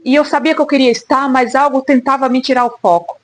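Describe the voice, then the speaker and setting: A woman's voice: high-pitched, fairly even intonation, fast. A woman preacher giving an emotional personal testimony, fervent and repeating phrases for emphasis.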